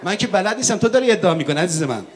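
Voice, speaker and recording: A man's voice: high voice, sing-song, a little hiss or hum. A man hosting a comedy sketch on stage, playing the exasperated straight man. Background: live audience.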